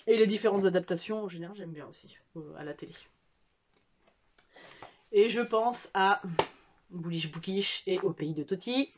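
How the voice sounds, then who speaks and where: A woman's voice: on the low side, darkish tone, highs cut off. A French woman chatting casually at home about books she bought, hesitant with many fillers and restarts. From France. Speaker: book vlogger. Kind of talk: casual book haul chat.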